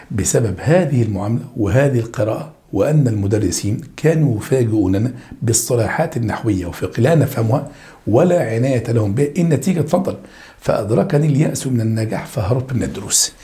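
A man with an Egyptian accent teaching an exam-review lesson, asking questions and answering them himself. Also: medium pitch. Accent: Egyptian Arabic. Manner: animated, asks and answers his own questions. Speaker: Arabic teacher.

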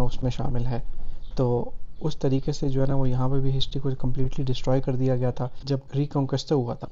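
Rambling man, dark flat voice. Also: medium pitch, muffled recording. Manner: rambling, heavy on filler phrases. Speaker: travel vlogger. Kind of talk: casual travel vlog commentary; reflective voice-over narration.

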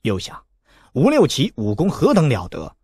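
A man narrating a novel as an audiobook, with expressive storytelling. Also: mid-range voice, moderate pace, husky, dry recording. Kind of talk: novel reading.

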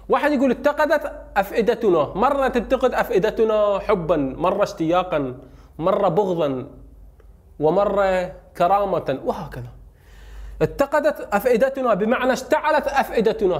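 Male teacher, Iraqi Arabic accent, high voice, brisk question-and-answer lesson delivery. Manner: quizzes students with quick questions and answers himself. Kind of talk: recorded grammar lesson.

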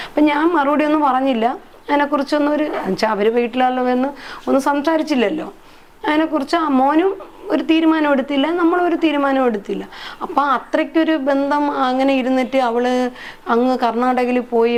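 A middle-aged woman tells her story in an interview, her voice pitched a little high. She stops, repeats words and lets sentences trail off, and her speech is heavy with feeling. Faint ambient noise sits behind her. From Kerala, India. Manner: halting, repeating herself, trailing off. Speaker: interviewee, mother. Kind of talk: emotional personal account.

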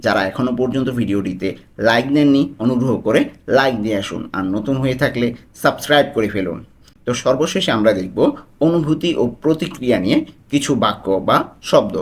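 A man with a Bangladeshi accent speaks in a voice of middling pitch, giving a video lesson. He repeats each short phrase slowly and then explains it word by word, steady and patient. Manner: slow, repetitive drilling of phrases. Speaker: language tutor.

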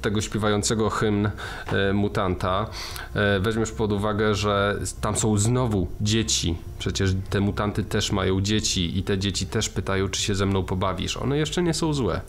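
This podcast co-host speaks at a normal speed in a fairly low-pitched male voice. He's in a casual film discussion, working through his ideas with lots of fillers and restarts.

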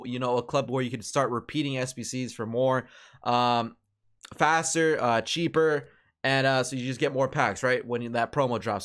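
Brief: young male gaming host, energetic casual tutorial chatter, mid-pitched voice. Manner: energetic, chatty, many fillers. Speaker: gaming YouTuber. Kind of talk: casual gameplay tutorial commentary.

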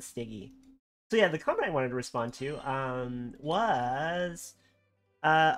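A live gameplay commentator at home with a cat nearby, talking at a mid-range pitch. They get excitable and swear freely, laughing at their own blunders. Soft game music plays faintly in the background. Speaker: game streamer.

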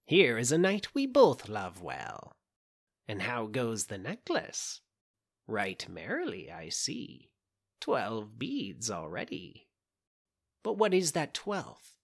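Man putting on a croaking old scheming witch. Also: medium pitch, wildly swooping pitch, slow pace, exaggerated voice. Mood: sly. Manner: warning, coaxing. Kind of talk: audiobook fairy tale reading.

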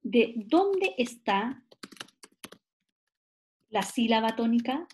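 Woman lecturer, middle-aged, fairly high voice, stretches example words, keeps asking for agreement. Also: big pitch swings, a little mellow, a little hiss or hum. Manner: explains slowly, stretches example words, asks rhetorical checks. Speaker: teacher. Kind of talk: classroom lecture.

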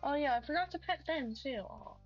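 A woman's voice: high-pitched, a little fast, highs cut off, faint music behind. Chatty young woman streaming a farm game. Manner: chatty, exclamatory, self-deprecating. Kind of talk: casual gaming commentary.

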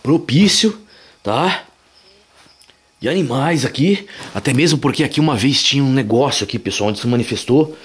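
A man with a Brazilian accent talking nervously and excitably to viewers in a handheld night-time ghost-hunting vlog. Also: medium pitch, moderate pace, husky. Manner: nervous, jumpy, excitable, exclamatory. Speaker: paranormal explorer and vlogger. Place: night-time exploration of derelict wooden shed and overgrown grounds. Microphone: handheld camera, operator behind it. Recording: loud music over camera audio.

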